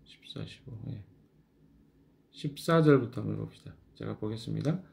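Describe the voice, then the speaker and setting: A man's voice: on the low side, moderate pace, vocal fry, darkish tone. A middle-aged male pastor leading a morning devotional Bible study, talking conversationally and answering his own questions.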